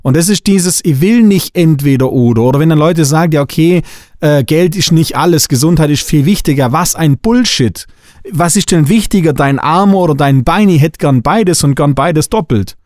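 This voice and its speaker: This spiritual coaching podcast monologue comes from a middle-aged Swabian man with a fairly high, darkish voice at normal speed. He talks bluntly and emphatically, and the studio sound is clean with no echo.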